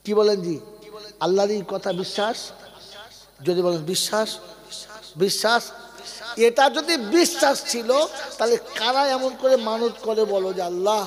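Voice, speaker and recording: A man's voice: sits high, moderate pace, long pauses, long reverb tail. A man preaching a sermon to a crowd, telling stories and calling on listeners to answer aloud. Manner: storytelling, calls on the audience to answer.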